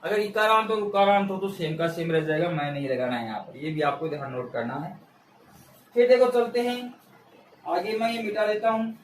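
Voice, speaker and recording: A man's voice: high voice, steady tone, moderate pace, slight background noise. Male tutor, exam-prep lesson at a board, repeats key words, echoey room. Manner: asks questions and answers them himself, repeats key words; patient, step-by-step explaining. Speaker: teacher. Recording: echoey room, mic far off.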